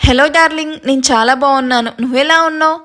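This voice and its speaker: A woman's voice: high-pitched, quick pace, bright, forceful tone. A woman reading the lines of a sly, scheming woman on a phone call in a storybook. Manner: sly, smug.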